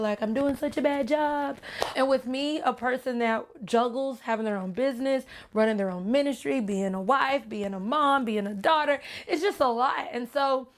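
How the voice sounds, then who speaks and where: A woman vlogger telling a personal story to her viewers in a casual, animated way, often calling them y'all. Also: fairly high pitch. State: close to tears. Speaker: vlogger and author.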